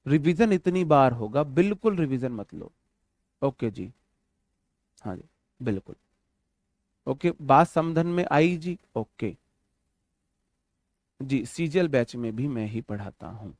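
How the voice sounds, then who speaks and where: A man's voice: mid-range voice, lively intonation, a little slow, a little mellow, dry recording. A young man teaching English grammar in a Hindi-accented online exam-prep lesson, repeating each point and asking his students questions. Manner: repetitive, addresses students as brother, asks them questions.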